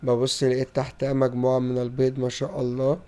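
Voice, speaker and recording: Fast-talking Egyptian man, flat dark voice. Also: medium pitch, clear, resonant tone. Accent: Egyptian Arabic. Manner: playful, acts out talks with animals. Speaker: vlogger. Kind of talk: playful storytelling vlog narration. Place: farm in the countryside.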